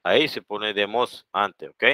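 A middle-aged man with a Panamanian Spanish accent gives a bilingual English lesson in a bright, crisp, fairly low voice. He speaks slowly in English and translates quickly into Spanish. The sound is dry and close, with no room around it. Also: no room sound, rough recording. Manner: switches between English and Spanish, many "okay?" and "¿verdad?" checks. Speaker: English teacher. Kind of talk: bilingual online grammar lesson.

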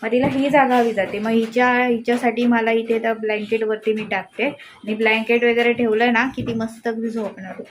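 Woman, Marathi accent, fairly high voice, casual pet vlog chatter, home recording, faint hiss. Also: little pitch movement, moderate pace. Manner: chatty, scolds and coaxes pets in a higher playful voice. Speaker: pet vlogger. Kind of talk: casual vlog narration to camera. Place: home indoors.

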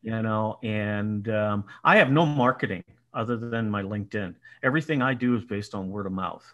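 On a headset video call from his home, a Colorado man in his sixties with a nasal voice chats casually as a podcast guest and business owner, laughing often at his own self-mocking stories. He speaks on the low side at a moderate pace, a bit bright, with lo-fi audio.

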